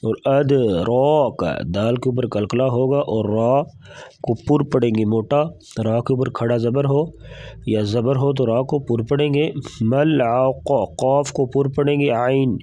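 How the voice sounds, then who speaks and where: A man teaching Quran recitation rules word by word, explaining each point in a brisk, matter-of-fact way. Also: medium pitch, steady tone, mellow, dry recording. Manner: breaks into slow melodic recitation between explanations. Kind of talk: tajweed lesson, explaining word by word.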